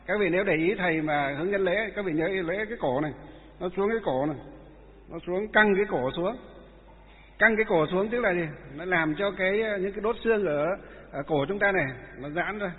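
Monk, echoey tinny sound. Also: male voice, sits high. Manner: halting, many filler sounds. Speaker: Buddhist monk teacher. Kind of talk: dharma talk with storytelling.

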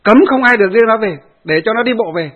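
A man voicing an angry grown son who hurls insults and shouted accusations. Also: high-pitched, fast talker, voice pushed up. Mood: furious. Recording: tinny phone-like audio.

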